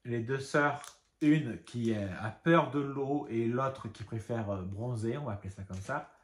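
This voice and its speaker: A man vlogs from home about his craft supplies in a casual, rambling way, full of fillers and little asides. His voice sits at an ordinary middle pitch. The room around him is noticeably echoey. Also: unhurried. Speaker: craft vlogger. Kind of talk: casual show-and-tell vlog.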